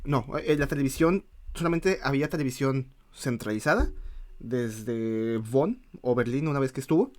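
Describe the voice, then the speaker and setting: A man's voice: mid-range voice, animated, normal speed, a little mellow. A man with a Mexican accent, co-hosting a casual podcast chat and often restarting his sentences as he thinks aloud. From northern Mexico. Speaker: podcast co-host.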